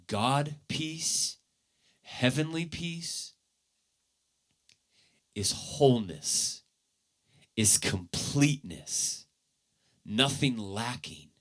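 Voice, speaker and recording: A man preaching a sermon as pastor, earnest, with his voice swelling loud and then dropping low.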